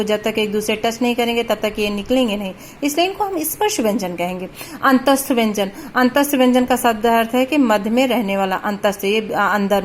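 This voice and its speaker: A woman teaching Hindi grammar, patiently explaining and sounding out letters slowly, sometimes mixing in English words. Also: medium pitch, slight background noise. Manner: patient, repeats sounds slowly to demonstrate pronunciation. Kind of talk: explaining at a board.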